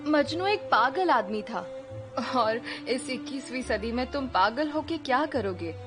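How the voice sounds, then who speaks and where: A restless young woman, speaks in a high, light voice with an exasperated, scolding edge. She reasons and argues in steady drama dialogue, quick to lose patience. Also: music in the background. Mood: reasoning. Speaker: dubbed drama lead.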